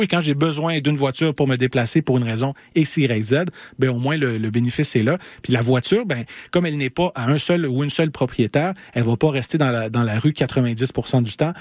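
A man with a Québécois French accent hosts a talk show, musing casually. He rambles, hesitates and restarts his sentences often in an average-pitched voice. The sound is dry and close, with no room around it. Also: darkish tone, no room sound. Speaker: podcast host. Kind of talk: casual commentary.

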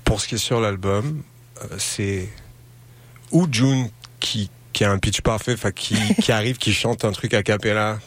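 A man's voice: lowish voice, normal speed, a bit bright. A man, a band musician, answering interview questions in casual, informal speech.

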